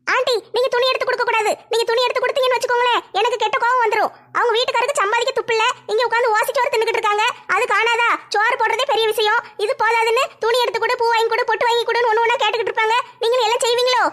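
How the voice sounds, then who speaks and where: A woman playing a sharp-tongued young daughter-in-law in a family comedy skit, shrill and scolding. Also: level tone, rapid-fire, few pauses. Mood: taunting.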